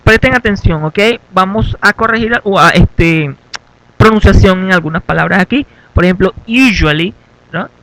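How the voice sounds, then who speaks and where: A man's voice: sits high, fairly bright tone, dry recording, rough recording. A man teaching an English lesson in Spanish, giving instructions step by step and checking in with "ok" again and again. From Venezuela. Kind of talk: classroom lesson.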